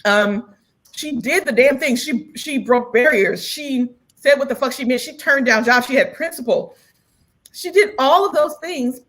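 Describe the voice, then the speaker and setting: A woman co-hosting a relaxed chat podcast, talking with blunt emphasis and frequent laughter. Her voice sits a little high and has a husky edge, and she swears casually as she makes her point. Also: unhurried. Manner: emphatic, profane, laughs often. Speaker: podcast co-host.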